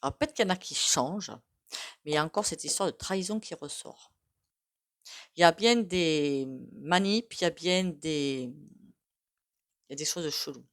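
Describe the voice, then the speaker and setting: Speaking to camera with a regional French accent, a woman gives a casual tarot card reading in a loose, conversational way. Her slightly low voice moves at a moderate pace, and she rambles, pausing and hesitating often with many fillers and asides.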